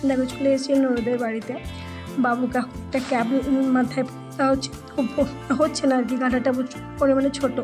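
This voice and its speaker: A young woman narrates her family vlog, her voice hoarse and cracking. She speaks a little high with a flat, even tune and stops and restarts often. Music plays clearly underneath. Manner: halting, many fillers and restarts. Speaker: family vlogger.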